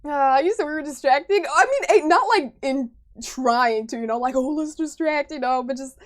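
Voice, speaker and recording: A young woman with an American accent, chatting casually with her stream viewers in an animated, chatty way. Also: high-pitched, moderate pace. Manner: chatty, animated retelling, frequent laughter.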